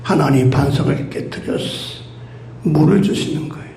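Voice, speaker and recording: A man's voice: fairly high pitch, moderate pace, gravelly, dark tone, slight background noise. A man preaching a sermon as pastor, telling stories and acting out the voices of grumbling crowds. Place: church sanctuary. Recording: echoey church hall.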